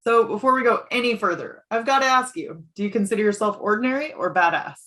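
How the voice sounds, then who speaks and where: A woman's voice: medium pitch, lively intonation, fast talker, a bit bright. A woman hosting a podcast interview, upbeat and encouraging toward her guest. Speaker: podcast host. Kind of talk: casual interview.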